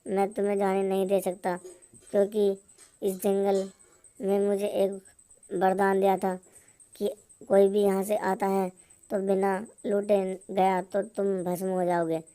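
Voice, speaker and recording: एक महिला कार्टून कहानी में एक बूढ़े, डींग मारने वाले और धमकाने वाले जंगल के चोर की आवाज़ सपाट कथा-वाचन अंदाज़ में पढ़ रही है।. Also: female voice, mid-range voice, measured pace, clean tone, lightly acted. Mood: boastful. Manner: monotone storybook reading. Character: old male forest thief, boastful and threatening.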